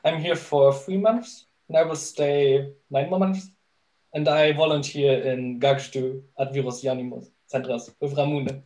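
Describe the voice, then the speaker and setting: A man's voice: medium pitch, fairly even intonation, a little slow, darkish tone. A man in his late teens from Germany, casually introducing himself. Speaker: participant, volunteer.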